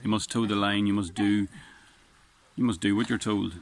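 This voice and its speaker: On a beach outdoors, a vlogger delivers a casual spoken reflection in a fairly low, strong male voice that sounds flat and moves at a moderate pace. He's earnest but rambling, often beginning sentences again, and light wind can be heard.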